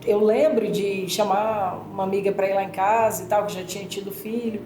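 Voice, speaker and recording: A woman's voice: mid-range voice, fairly quick. Chatty Brazilian woman in a roomy studio. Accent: Brazilian Portuguese. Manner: animated storytelling with many fillers. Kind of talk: casual chat. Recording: roomy sound with music behind.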